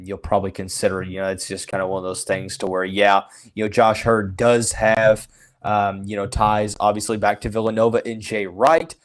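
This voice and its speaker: A man's voice: lowish voice, rough recording. A man hosting a sports podcast, talking casually and frankly, with many "you know" fillers and restarts. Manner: frank, opinionated, says he calls it as he sees it. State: has the hiccups. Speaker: podcast host. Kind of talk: casual sports talk monologue.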